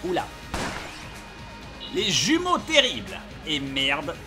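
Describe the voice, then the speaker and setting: Slow-paced and a little high, this man's voice reacts to a game as he hosts a let's play. He gets excited, yelping and swearing at the action over the game's music.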